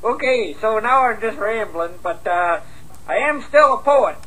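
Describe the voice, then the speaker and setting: An actor voicing a goofy, sentimental cartoon coach who leaves a folksy, halting, rambling voicemail. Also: male voice, high-pitched, expressive, pushed and bright, heavily acted. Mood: sheepish, rambling. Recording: noisy answering machine message.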